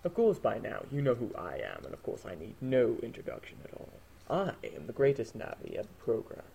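A man's voice: mid-range voice, wildly swooping pitch, brisk, vocal fry, mellow, a little hiss or hum. A man voicing a smug, taunting male villain program from a video game.

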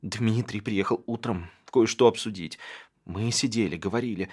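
A man's voice: on the low side, moderate pace, a little mellow, slightly rough. A man voicing a frantic middle-aged woman who pleads through sobs. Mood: pleading. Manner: sobbing, pleading.

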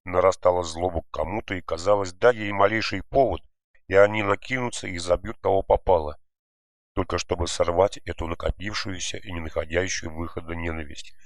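A man narrating an audiobook in a measured, expressive way. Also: low voice, gravelly, no echo, clean studio sound. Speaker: audiobook reader.

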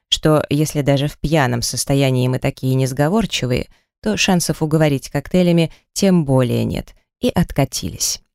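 A woman narrating a first-person audiobook in a lively, expressive reading. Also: deep voice, no echo, studio quality. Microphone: close studio mic.

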